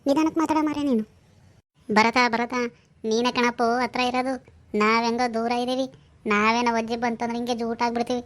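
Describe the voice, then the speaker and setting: A woman voicing a bossy, scheming village man in a comedy skit, speaking an in a hurried, urging way with hushed scolding. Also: fairly high pitch, steady tone, lightly acted.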